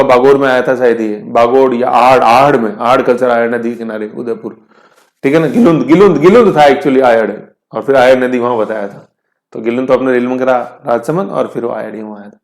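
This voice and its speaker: A man's voice: mid-range voice, roomy sound. A male teacher giving a chatty exam-prep history lesson, often asking rhetorical questions. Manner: chatty, asks students rhetorical questions, jokes with class.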